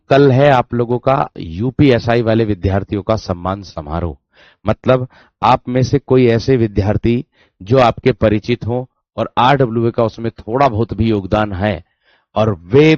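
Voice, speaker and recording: A man's voice: medium pitch, no echo. Dry, dull-sounding male Hindi grammar teacher. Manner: addresses students warmly as dear friends, repeats phrases; demonstrates sounds aloud, repeating syllables. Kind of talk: online Hindi grammar class.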